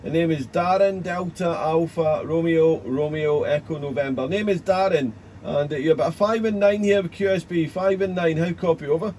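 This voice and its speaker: A man with a fairly high voice runs a ham radio exchange. He spells call signs in phonetic words and repeats key details deliberately, over faint background noise. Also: a little mellow. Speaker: amateur radio operator calling CQ. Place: amateur radio station.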